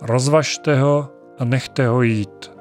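Brief: man reading a grave, calm male teacher, measured prayer, faint music bed. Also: medium pitch, natural voice. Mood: commanding. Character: calm, solemn male teacher praying aloud.

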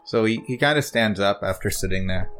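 A man narrating a tabletop game as game master, in a halting way full of fillers and restarts. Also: on the low side, fairly bright tone, faint music behind.

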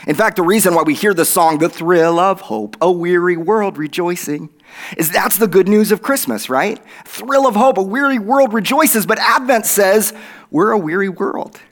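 A man's voice: sits high, normal speed. A middle-aged man with an Oklahoma accent preaching a sermon in a conversational way, checking in with listeners and repeating phrases for emphasis. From Oklahoma, USA. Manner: conversational, with check-in tags like "right?" and "okay?".

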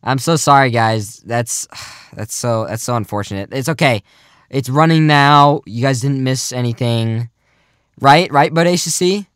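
A young man hosting a casual, goofy podcast chat, talking in a mock-serious, rambling way that often trails off quietly. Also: mid-range voice, measured pace, smooth, no room sound, studio quality. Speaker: podcast host.

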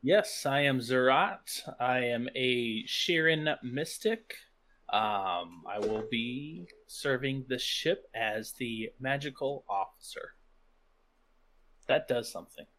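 A man's voice: medium pitch, lively intonation, takes it slowly, a bit bright. A man playing a tabletop game, casually introducing his character. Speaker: tabletop player.

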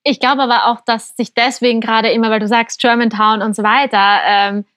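A woman with a fairly high voice lays out her thoughts calmly in casual talk. The recording is dry, with no room echo. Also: a little fast. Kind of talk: casual conversation.

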